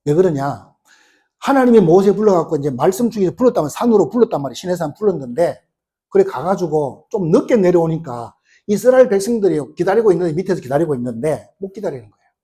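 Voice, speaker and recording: A male pastor preaching, his voice set high and swinging widely up and down. He keeps firing rhetorical questions and retelling stories in homely, colloquial words, with a mellow, dark tone underneath. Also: lively intonation, fast talker. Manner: colloquial storytelling, retelling scenes. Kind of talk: sermon.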